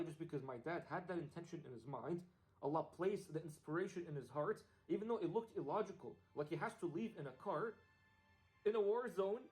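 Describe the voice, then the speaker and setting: A man's voice: on the high side, a little mellow, poor audio. A young man from Iraq giving an earnest, casual motivational religious talk, repeating phrases for emphasis. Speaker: Islamic speaker. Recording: faint music behind.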